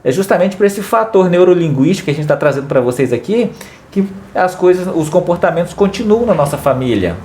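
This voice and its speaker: A man's voice: high voice, animated, brisk, warm tone. A man co-hosting a family advice talk, explaining patiently and repeating key words for emphasis. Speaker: co-host giving family advice. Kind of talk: casual talk to viewers.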